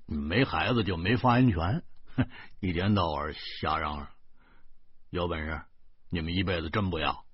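A man voicing a middle-aged male driver who scoffs, chuckles and brushes others off in a gruff, low voice. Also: unhurried, long pauses, no echo, muffled recording. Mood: scoffing.

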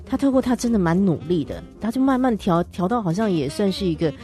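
A woman's voice: medium pitch, expressive, fast, dark tone, faint music behind. A woman from Taiwan hosting a podcast interview, asking questions casually and giving many short affirmations. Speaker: podcast host.

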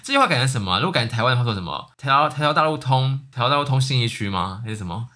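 A woman's voice: very deep voice, expressive, racing, bright, forceful tone. A woman with a Taiwanese Mandarin accent co-hosting a podcast in casual chat, blunt and swearing freely. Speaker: podcast co-host.

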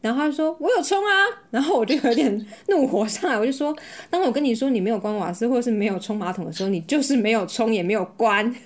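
A woman co-host tells everyday stories on a casual podcast. Her voice sits a little high, and she is animated, slipping English words into her talk. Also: fast talker, hardly any pauses. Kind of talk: casual chat.

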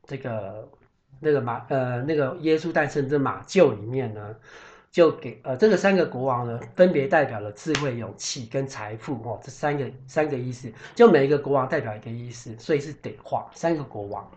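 A man's voice: mid-range voice, a little fast, a little mellow. Chatty man explaining food customs. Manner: chatty, frequent "哦" fillers and restarts, spells out French words. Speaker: podcast host. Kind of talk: casual explanatory podcast talk.

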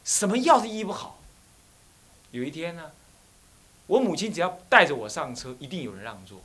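Animated monk telling stories. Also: male voice, fairly high pitch, normal speed, slightly rough. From Taiwan. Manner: animated storytelling, slips into Taiwanese phrases. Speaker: Buddhist abbot. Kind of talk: dharma talk with personal stories.

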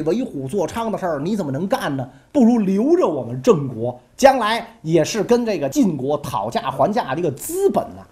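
A man's voice: high-pitched, dark tone. A man voicing a shrewd envoy who argues in a folksy, persuasive way.

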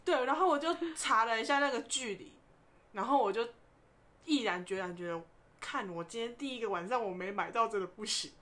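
A woman, chatting on a podcast. Her voice sits a little high, and she tells her stories with animation, laughing in the middle of sentences. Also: fairly quick. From Taiwan. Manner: animated storyteller, often laughing mid-sentence. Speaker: podcast co-host. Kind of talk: casual chat, storytelling.

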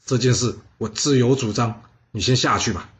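A man's voice: mid-range voice, normal speed, dull audio, lightly acted. A man doing a smug ancient king. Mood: calculating. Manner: offhand, self-satisfied. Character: smug, calculating ancient king, male adult.

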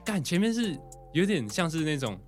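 A young man with a Taiwanese Mandarin accent telling a story in casual podcast chat, animated, laughing often and acting out what people said. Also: on the high side, moderate pace, soft background music. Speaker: podcast co-host.

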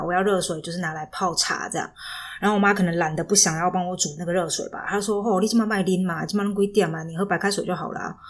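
A young woman with a Taiwanese Mandarin accent hosting a casual solo podcast, chatting and telling stories with lots of fillers, recorded on a studio mic in a small room. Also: fairly low pitch. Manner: chatty, storytelling with frequent fillers. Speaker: podcast host. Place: small rented room at home. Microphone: professional microphone.

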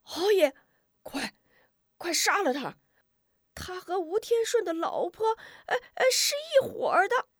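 A woman's voice: fairly high pitch, very animated, measured pace, dry recording, studio quality, voice pushed up, heavily acted. A woman voicing a cowardly male henchman who grovels and stammers, full of nervous fillers. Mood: pleading, panicky.

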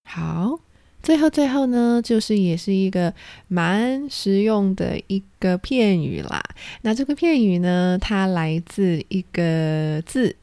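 Mellow woman teaching English words. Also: mid-range voice, no room sound. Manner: patient, spells words letter by letter. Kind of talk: spoken vocabulary lesson.

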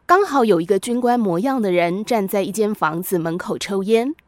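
A woman narrating a moral story in a measured, scripted storytelling style. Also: medium pitch, animated, a little mellow, dry recording.

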